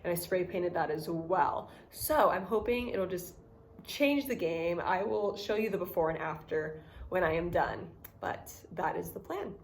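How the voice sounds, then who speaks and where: A woman's voice: on the low side, unhurried. A woman hosting her own vlog, chatting animatedly and laughing at her own jokes while telling stories from her desk at home. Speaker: vlogger host. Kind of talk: casual vlog chat.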